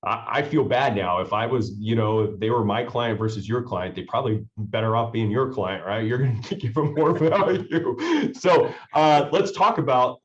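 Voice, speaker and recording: A man's voice: mid-range voice, moderate pace, few pauses. A man hosting a podcast, talking in an enthusiastic and rambling way. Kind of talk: casual podcast chat. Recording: dull lo-fi sound.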